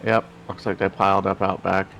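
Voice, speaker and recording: Gravelly low-voiced race spotter on radio. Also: male voice, little pitch movement, a little fast, a bit bright, a little hiss or hum. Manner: terse repeated position calls, encouraging the driver. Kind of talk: race spotter radio calls and casual chat.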